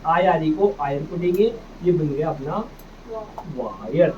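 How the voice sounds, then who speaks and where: At a normal speed and in a fairly high voice, a man runs an English phonics lesson, drilling words by repetition and having students repeat them back. He uses "beta" to address them, captured in a distant, dull, noisy classroom recording.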